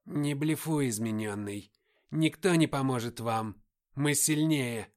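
Narrator voicing a cold, hissing otherworldly male creature; slow, deliberate, threatening delivery for an audiobook. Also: mid-range voice, a little mellow, lightly acted. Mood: menacing. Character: menacing inhuman male being, cold and slow. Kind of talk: audiobook character voice.

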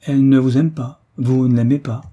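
A man's voice: medium pitch, fairly even intonation, normal speed, mellow, breathy edge, close to an everyday voice. A man voicing a gracious, teasing royal princess in an audiobook story, raised to a lighter, playful tone. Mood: concerned, teasing.

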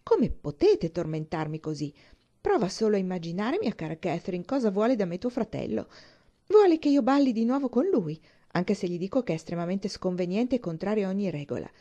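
A woman's voice: medium pitch, big pitch swings, moderate pace, warm tone, highs cut off. Isabella, gushing young woman, read by a woman. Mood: effusive. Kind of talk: audiobook reading.

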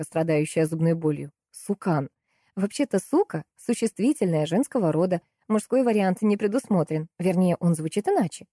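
A woman reading a first-person story aloud as an audiobook, in a lively, ironic storytelling manner. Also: lowish voice, no room sound, clean studio sound. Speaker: audiobook narrator.

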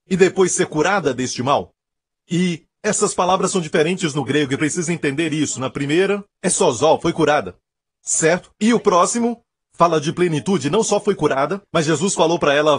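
A man's voice: on the high side, slightly rough, dry recording. A man preaching a sermon as pastor, emphatic and repeating his key phrases.

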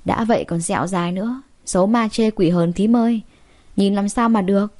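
A woman's voice: medium pitch, a little fast, darkish tone, natural voice. A woman voicing a scornful rich young man who mocks a plain girl, rude and sneering.

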